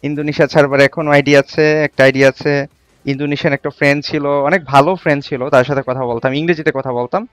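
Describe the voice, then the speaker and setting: Talking very fast in a steady, slightly bright voice on the high side, a livestream host chats casually with viewers, reads their comments aloud, and quizzes them. There's no echo on the recording.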